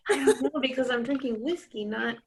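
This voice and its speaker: A woman's voice: high-pitched, fairly quick. A woman casually hosting a party game over a video call, with a giggly, teasing manner. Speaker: host and judge of a contest. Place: indoors at home, on a video call. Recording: noisy video call with clicks.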